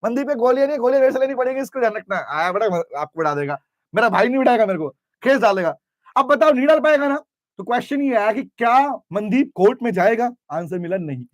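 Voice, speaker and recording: Male lecturer with a very high voice and a dry sound, runs a lively class full of questions. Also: fairly quick, dry recording. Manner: lively, questioning students, mixes English terms into speech. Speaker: commerce teacher. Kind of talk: classroom lecture with role-play. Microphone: camera recording in class.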